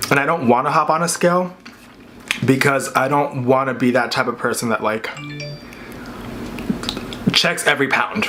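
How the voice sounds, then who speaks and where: Chewing through his words, a male vlogger hosts an eating video, talking candidly and casually with "like" scattered throughout. His voice is mid-range at a normal speed, and he pauses often. Background noise is clear, with dish clinks and clicks.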